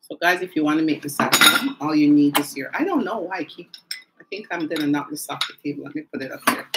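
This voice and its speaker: A woman's voice: low-pitched, fast, heavy background noise. Chatty woman hosting a live stream. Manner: chatty, addresses viewers directly, laughs often. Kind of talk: casual live-stream chat. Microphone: phone or camera mic on a live stream.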